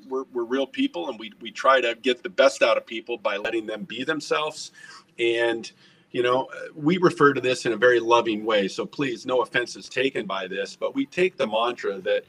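Talking from his home office over a video call, this middle-aged restaurant executive comes across as earnest and full of energy, repeating himself and gesturing as he goes. The webcam catches his mid-range voice from some distance away.

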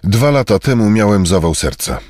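A man reading short phrases in a measured, scripted way for a language lesson. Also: on the low side, very animated, a little mellow, no echo, studio quality. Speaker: Polish phrase reader.

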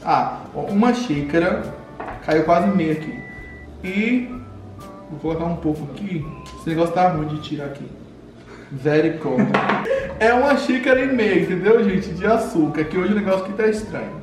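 A man's voice: high-pitched, expressive, normal speed, soft background music. A man in his thirties, a cooking vlogger chatting casually to viewers in his home kitchen and checking in with "right?" as he goes. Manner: chatty, talks to viewers with tag questions. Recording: echoey kitchen.

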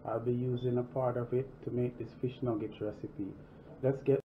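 A man with a mid-range voice, speaking at normal speed, hosts a home cooking tutorial from his kitchen. Relaxed and chatty, he talks as he works, and the sound is dull and lo-fi with kitchen noise.

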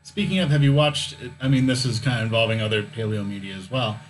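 A man hosting a podcast, asking questions in a relaxed, curious way. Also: lowish voice, quick pace. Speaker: podcast host. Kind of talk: casual interview.

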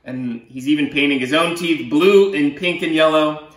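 Seated indoors on a sofa in a compact living room, this middle-aged man, who writes for children, performs a picture book expressively and adds explanatory asides. He speaks at a normal pace in a slightly high, fairly bright voice. There's a noticeable living-room echo.

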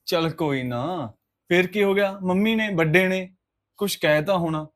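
A man's voice: high-pitched, a little slow, fairly bright tone. A man playing a soothing young husband. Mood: placating. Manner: placating, coaxing, repeats reassurances. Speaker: actor in a short film.

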